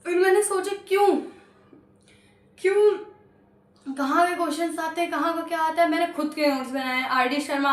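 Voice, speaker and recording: Young female tutor, high voice, friendly coaxing patter, recorded in an echoey room. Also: fairly bright tone. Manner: chatty, coaxing, repeats promises and guarantees. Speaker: maths teacher. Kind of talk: casual online lesson.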